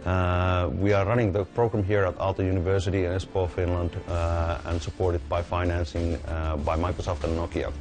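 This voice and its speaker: Program rep, low male voice, plain and hesitant. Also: level tone, a little fast, hardly any pauses, over music. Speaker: program representative.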